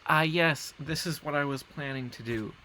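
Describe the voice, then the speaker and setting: This let's-play commentator has a slightly high, bright and forceful voice at a normal speed, on a low-quality recording with slight background noise. Playing a strategy game, he rambles and fixes his own mistakes as he reads place names aloud.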